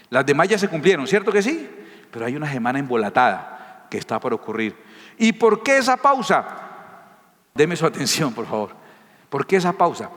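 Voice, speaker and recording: A pastor with a mid-range, fairly bright voice preaches emphatically, firing rhetorical questions at his listeners. The sound bounces around a reverberant hall.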